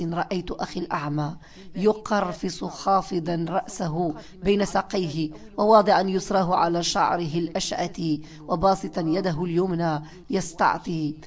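A woman narrates a novel in the first person with measured, expressive delivery. Her voice sits somewhat low for a woman. The reading stays steady and deliberate. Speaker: audiobook narrator. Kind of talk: literary audiobook narration.

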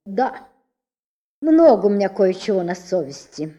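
A woman's voice: mid-range voice, sing-song, measured pace, mellow, highs cut off. A woman voicing a boastful dandy shirt collar. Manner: fawning, flowery, boastful.

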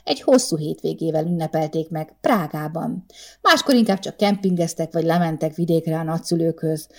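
A woman narrating a short story in an expressive, steady storytelling manner. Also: low-pitched. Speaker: audiobook narrator. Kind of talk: scripted narration.

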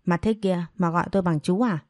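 A woman's voice: on the low side, a little fast, darkish tone, dry recording, studio quality, close to an everyday voice. A woman voicing a stern, no-nonsense male traffic policeman who speaks curtly. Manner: curt, stern.

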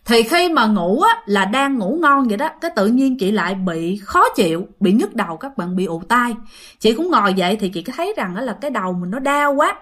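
A woman with a Southern Vietnamese accent tells a ghost story, chatting with her listeners as she goes. Her voice sits on the high side and swoops up and down with a lot of expression. The telling feels casual and conversational. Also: fairly bright tone. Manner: chatty, addresses listeners directly.

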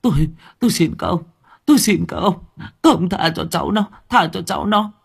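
A man voicing an anxious, scolding poor village mother in a storybook reading, with a shrill, frantic manner. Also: big pitch swings, a little fast, husky, full character voice. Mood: frantic pleading.

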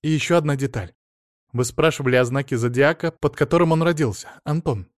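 A man's voice: a little high, a little fast, no room sound, clean studio sound, lightly acted. A man reading an audiobook, voicing a flustered, anxious woman who talks in a rush. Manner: excited and flustered. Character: anxious flustered woman talking fast on the phone.

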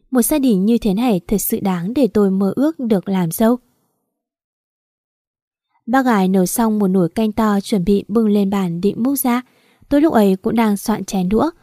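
A woman narrating a first-person romance story in a soft, steady read. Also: medium pitch, normal speed, no echo, studio quality. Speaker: audiobook narrator.

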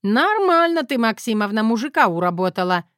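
A woman voicing a brash, rough, bossy woman who talks loud and blunt in an audiobook. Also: a little high, very animated, a little fast, dry recording, studio quality, voice pushed up. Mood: gleeful.

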